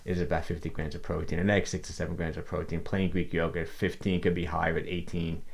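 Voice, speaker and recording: A man with a deep, low-pitched voice talks through a livestream lesson for his coaching clients. His delivery is loose and chatty, full of restarts and little fillers. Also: little pitch movement, quick pace, gravelly, slightly rough. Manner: rambling, conversational, many restarts and fillers. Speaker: fitness coach. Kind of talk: casual livestream teaching. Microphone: livestream desk mic.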